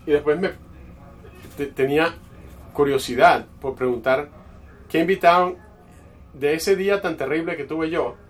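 A man's voice: a little high, unhurried, long pauses. A man preaching a sermon in a conversational storytelling way, often restarting his phrases. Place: church. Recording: distant mic with faint background noise.

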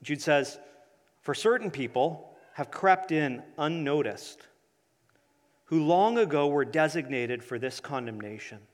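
A man preaching a teaching sermon, deliberate in delivery, repeating key phrases for the congregation. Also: fairly high pitch, lively intonation. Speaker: pastor preaching. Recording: long hall reverb.

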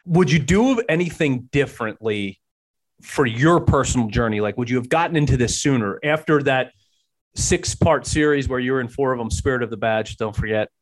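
A man's voice: mid-range voice, expressive, normal speed, low-quality recording. A man in his forties hosting a casual interview, agreeable and encouraging, feeling his way through his phrasing. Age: 40s. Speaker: interviewer, host.

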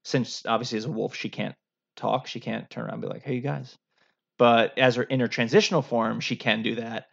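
Gravelly man rambling casually. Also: medium pitch, fairly even intonation, brisk, a bit bright. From United States. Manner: rambling, with frequent fillers and restarts. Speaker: podcast co-host. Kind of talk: casual chat. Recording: dull lo-fi sound.

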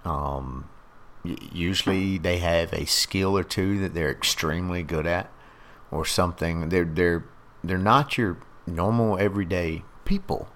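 Deep-voiced man with a drawl. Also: measured pace, a bit bright. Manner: easygoing, blunt storytelling with jokes. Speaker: podcast guest, former drug addict. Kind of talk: casual podcast chat.

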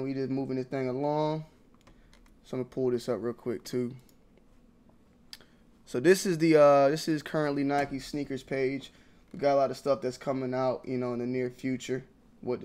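A young man vlogging about sneakers in slangy, repetitive casual talk that swings between mumbling and loud outbursts. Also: mid-range voice. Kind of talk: casual ranting commentary.

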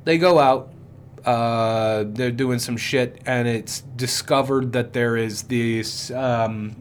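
A man's voice: mid-range voice, steady tone, takes it slowly. Male podcast co-host, casual and profane, faint hiss. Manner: rambling, profane, lots of fillers. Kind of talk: casual movie review chat.

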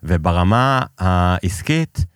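Podcast guest: Israeli-accented Hebrew-speaking man, low register, close dry recording, hesitant anecdotal delivery with English jargon. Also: animated, clean tone, no room sound. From Iran, immigrated to Israel. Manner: hesitant searching delivery, peppered with English business terms. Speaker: podcast guest, business executive. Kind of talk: conversational storytelling in an interview.

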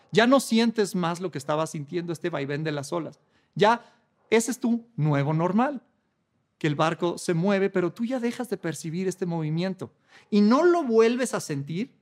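A man preaching a Easter sermon in a conversational way, often ending thoughts with rhetorical questions and acting out quoted voices. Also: high-pitched. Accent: Mexican Spanish.

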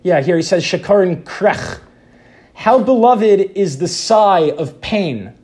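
A man with a notably high voice leads an informal spiritual lesson for a small group. He talks in a reflective, unhurried way, pausing to recite Hebrew quotations before explaining them. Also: lively intonation, a little mellow. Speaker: teacher leading a Torah study group.

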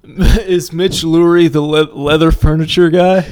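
A man's voice: on the high side, steady tone, measured pace, a little mellow, slight background noise. An American man chatting and joking casually as a quiz contestant.

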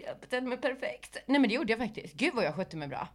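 A woman with a Gothenburg accent co-hosting a podcast, telling animated stories in casual chat and laughing often. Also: on the high side. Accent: Gothenburg Swedish. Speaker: podcast co-host.

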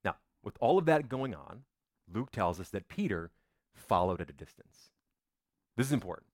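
A male pastor giving a conversational sermon, emphatic and relaxed, often repeating himself for effect. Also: on the low side, normal speed, no echo, studio quality. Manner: conversational, emphatic preaching with repetitions. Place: church.

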